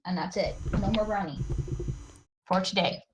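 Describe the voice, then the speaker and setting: A woman's voice: medium pitch, moderate pace, background noise. A woman with a stuffy, runny nose chatting casually with a friend, giggling often. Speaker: friend keeping the streamer company. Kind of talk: casual chat.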